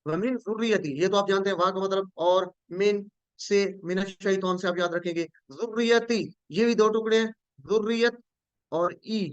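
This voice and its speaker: A male teacher with a high, smooth, clear voice leads a Quranic Arabic lesson over a video call. He works through each word patiently, repeats himself and quizzes his students. The audio is dry and dull, like lo-fi online class sound. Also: steady tone, normal speed, no room sound.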